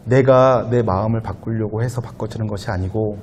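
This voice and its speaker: A man pastor giving a conversational sermon to a young adult congregation in a church, at times growing louder and higher as he presses a point. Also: normal speed, a little hiss or hum. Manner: conversational preaching, rising loud and high when animated. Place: church sanctuary.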